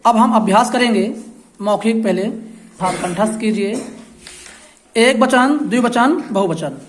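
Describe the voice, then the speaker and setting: High-voiced woman teacher in an echoey classroom. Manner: repeats phrases slowly and quizzes the class. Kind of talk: classroom grammar lesson.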